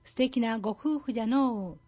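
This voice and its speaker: A woman voicing a wise, folksy old doctor who gives gentle advice in old-man speech. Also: a little high, moderate pace, highs cut off, natural voice. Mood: wise, admonishing.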